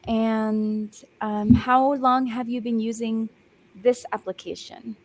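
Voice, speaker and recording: Over a video call, a young Australian woman gives a one-on-one English lesson in a slightly high, fairly even voice with no room sound. Patient and encouraging, she slows down, rephrases often, and fills pauses with many ums.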